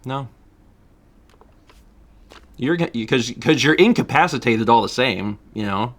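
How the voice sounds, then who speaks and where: A man's voice: mid-range voice, lively intonation, slow pace, a bit bright. A man chatting casually on his livestream, laughing often and reading out viewer donations. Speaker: streamer.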